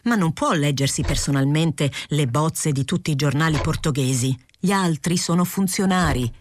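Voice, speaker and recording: A woman's voice: sits low, a little hiss or hum, voice pushed up, natural voice. A woman voicing an authoritarian, condescending male newspaper director with a brusque, lecturing manner, in a literary audiobook.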